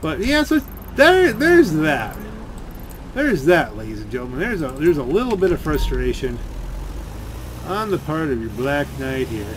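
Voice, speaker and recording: This streamer's voice runs fairly high with large pitch swings and a slightly slow pace, and a crowd is audible in the background. He rambles and grumbles through casual gameplay commentary, with clear game engine, car, and ambient sounds behind him.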